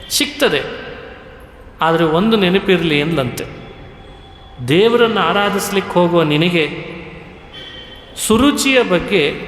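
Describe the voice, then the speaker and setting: A man giving a devotional sermon, speaking in a slow, measured way and now and then chanting verses. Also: high-pitched, a bit bright, a little hiss or hum. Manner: slow and measured, breaks into sung Sanskrit verses. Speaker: religious discourse speaker. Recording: echoey hall with faint ambience.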